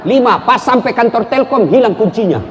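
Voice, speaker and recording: A man preaching a humorous sermon, telling anecdotes and acting out characters as his voice leaps between high and low. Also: brisk. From South Sulawesi, Indonesia. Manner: animated storyteller, acts out characters, jumps between high and low pitch. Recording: hall reverb, faint noise.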